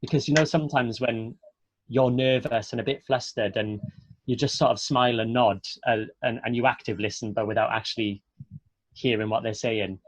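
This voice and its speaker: Giving informal guidance to students over an online webinar call, this actor from south Wales has a Welsh accent and a chatty, earnest, supportive style. His mid-range voice is steady and at normal speed, though the close, dry audio is poor.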